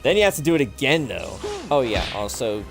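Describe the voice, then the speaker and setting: A man talks casually while gaming, explaining mechanics to a co-player in an informal manner. His pitch sits in the middle of the male range. Music plays clearly behind his voice. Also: very animated, a little fast. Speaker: gamer playing online matches.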